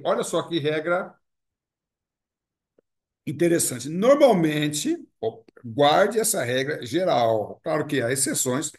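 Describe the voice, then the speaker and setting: A man from Brazil with a Brazilian Portuguese accent, teaching an online pronunciation lesson, explaining patiently and repeating key words with frequent tag questions. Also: on the high side.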